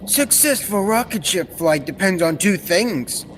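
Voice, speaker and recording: This young man, a student actor in his teens or early twenties, speaks in a high voice at a measured pace. He's cast as a proud, earnest inventor in an old-time radio serial, giving formal, technical explanations. The hall is reverberant, with a constant background noise.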